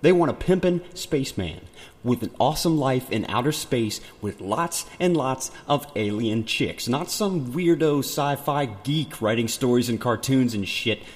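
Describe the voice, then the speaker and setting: A man's voice: mid-range voice, expressive, measured pace. Man playing a cocky spaceman inside a tin can. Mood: indignant, defensive. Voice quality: tinny, metallic, as if speaking inside a tin can. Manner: brash, slangy, defensive bragging. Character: cocky, touchy young spaceman musician from the twenty-fifth century. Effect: tin-can metallic voice filter. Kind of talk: mock interview comedy.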